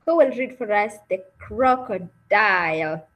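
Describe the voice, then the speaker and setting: Expressive and slow, with a medium pitch and fairly bright tone, this woman hosts a read-aloud webinar on a video call. She narrates the story interactively, offering encouragement and often checking in with listeners.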